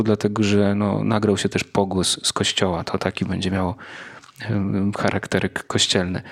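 A man's voice: on the low side, husky. A Polish man hosting a podcast informally, reflective and often searching for his words. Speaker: religious podcast host.

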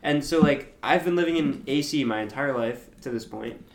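A man's voice: mid-range voice, moderate pace, a crowd in the background. A young man chats casually as a podcast co-host, his voice sitting in a middling register. He rambles and hesitates, filling gaps with "like" and "um". The room around him sounds echoey. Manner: rambling, hesitant, lots of fillers and laughs. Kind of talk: casual chat.

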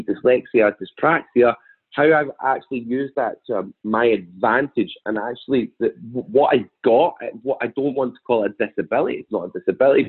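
A thirty-year-old man from Glasgow, Scotland, with a broad Glaswegian accent, tells his own story as a podcast guest in a conversational interview. His mid-range voice has a breathy edge, and the remote call audio is thin and phone-like.

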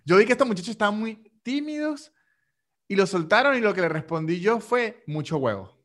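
A man with a Venezuelan Spanish accent hosts a casual podcast chat. His voice sits a little high, and he jokes around and toys with pronunciations. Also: brisk. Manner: joking, animated, plays with pronunciations. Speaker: podcast host.

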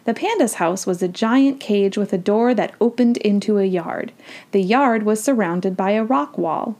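A woman's voice: mid-range voice, normal speed, dark tone. A woman reading a children's storybook aloud, with chatty, playful asides. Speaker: children's book reader.

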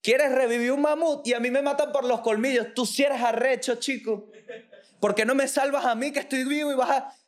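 A man's voice: very high voice, steady tone, fairly quick, voice pushed up. A man voicing a foul-mouthed, angry male elephant who rants and swears, with a Venezuelan accent. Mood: outraged. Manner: outraged, swearing rant.

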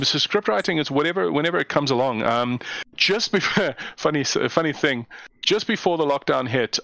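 South african guy, mid-pitched voice, lively storyteller, super dry close sound. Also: no echo. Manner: animated storyteller, jumps into mock voices, laughs often. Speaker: comedian guest. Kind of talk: casual chat.

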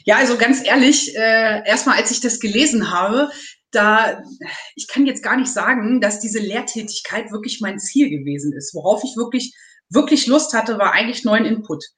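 A woman's voice: a little high, a bit bright. A woman in her thirties, a nursing student, talking hesitantly and at length in a casual interview over a call. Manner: rambling, hesitant with many pauses. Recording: echoey room.

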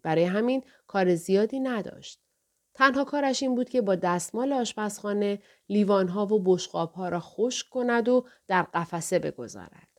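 A woman narrating a novel as an audiobook in a measured, even storytelling manner. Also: mid-range voice.

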